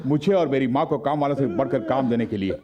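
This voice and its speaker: A man's voice: mid-range voice, lively intonation, fast talker, muffled recording, crowd noise, close to an everyday voice. An actor dubbing a bold young man who scolds and punishes his elders in a stern, lecturing way. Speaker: hero in a dubbed film. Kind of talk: Hindi film dubbing.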